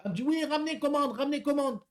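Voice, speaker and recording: A man's voice: very high-pitched, expressive, fast, voice pushed up. A man imitating a pushy woman restaurant worker who speaks in clipped, broken phrases. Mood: insistent.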